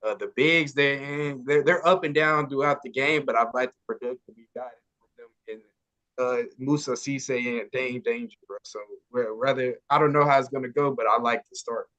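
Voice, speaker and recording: A man's voice: mid-range voice, fairly even intonation, moderate pace, sharp tone, rough recording. A man co-hosting a casual sports podcast, slangy and stumbling through restarts, calling people "bro.".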